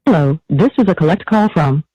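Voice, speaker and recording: An automated collect-call prompt on a jail payphone call, reading out fees and phone numbers in a measured, formal way. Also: mid-range voice, expressive, warm tone, husky, no room sound, lo-fi sound. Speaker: recorded collect-call announcement. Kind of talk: formal scripted announcement.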